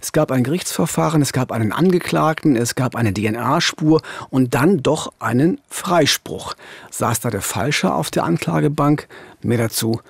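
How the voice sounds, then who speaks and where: In a small, dark indoor radio studio, a man in his fifties hosts a true crime podcast, narrating cases conversationally into a close boom-arm studio mic. His voice is medium-pitched, gravelly and slightly rough, at a moderate pace, with no echo.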